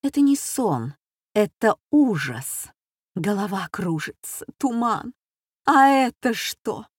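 A woman's voice: mid-range voice, very animated, slow pace, husky, dry recording, studio quality, exaggerated voice. A woman voicing a flustered society hostess in an audiobook, anxious and dismayed. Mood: distraught. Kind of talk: audiobook character voice.

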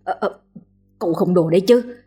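A woman's voice: mid-range voice, moderate pace, slightly rough, lightly acted. A woman voicing a panicky young male student who stammers and pleads in fright. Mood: scared.

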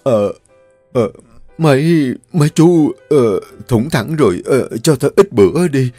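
A man's voice: medium pitch, animated, slow, mellow, no echo, soft background music. A man voicing a frightened old man in debt, stammering and pleading fearfully in a storybook reading. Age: older.

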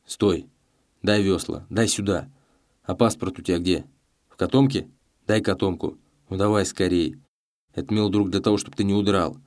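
A man's voice: low voice, normal speed, darkish tone. A man voicing a fierce, whiskered male thief who barks harsh commands and threats in a storybook reading. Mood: urgent commanding.

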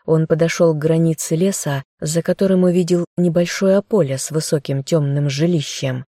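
Low, mellow woman narrating a fairy-tale audiobook, dry close sound. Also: steady tone, moderate pace, dry recording.

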